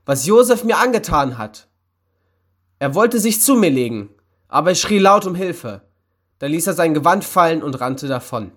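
Man doing a scheming noblewoman, high, loud, indignant, shrieking. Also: big pitch swings, normal speed, breathy edge. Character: shrill panicked scheming noblewoman.

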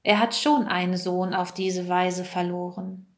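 A man pleads humbly on his brother's behalf, as a woman reading aloud puts him on. The delivery is slow and earnest, in a children's storybook reading. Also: fairly low pitch, fairly even intonation. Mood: pleading. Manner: begging.

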